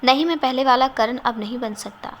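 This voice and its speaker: Woman reading as a brooding young guy in a story, hesitant, kinda high voice. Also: fairly quick, a little hiss or hum, natural voice. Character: troubled young man, moody, drinking.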